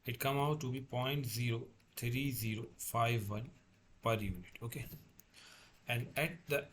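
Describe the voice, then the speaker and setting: A man lecturing as a tutor, working through a problem step by step in a halting way, repeating and correcting himself. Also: medium pitch, steady tone, a little hiss or hum. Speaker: engineering tutor.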